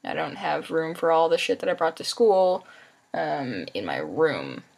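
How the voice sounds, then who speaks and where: Sleepy, gravelly young vlogger. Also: mid-range voice, sing-song, measured pace. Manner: rambling, swears casually, many ums. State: sleepy and tired. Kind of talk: casual rambling chat.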